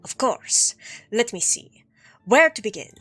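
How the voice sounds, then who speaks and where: A woman's voice: a little high, big pitch swings, unhurried, fairly bright tone, husky, whispered, soft background music, full character voice. Woman doing a courtly Spanish-accented prince. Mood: storytelling. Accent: put-on Spanish. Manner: formal, flowery, gracious. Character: grand, courteous young Spanish prince, male. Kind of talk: reading game dialogue aloud.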